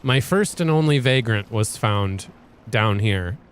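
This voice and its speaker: Slow, rambling man playing a video game. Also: on the low side, expressive, a little hiss or hum. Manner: rambling, hesitant, often trails off and restarts. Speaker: let's play host. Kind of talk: casual gameplay commentary.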